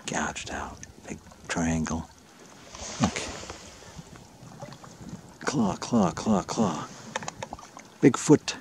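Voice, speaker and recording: A deep, gravelly-voiced man vlogs from a kayak on a lake by a rocky shore, hunting for a lake monster. He speaks very slowly with long pauses, eager and excited but often dropping to a hush, narrating casually in first person as he paddles. The outdoor camera audio picks up loud splashing water and paddle noise behind him.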